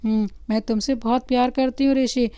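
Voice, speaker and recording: A woman's voice: fairly high pitch, fairly even intonation, a little fast, warm tone, clean tone, no room sound, muffled recording, lightly acted. A woman voicing a timid young bride. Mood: tender. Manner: pleading, anxious.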